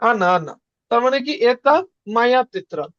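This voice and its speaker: A man teaching a casual beginner lesson, repeating words slowly for learners. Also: extremely high pitch, lively intonation, a bit bright, no room sound, lo-fi sound. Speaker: Russian language teacher.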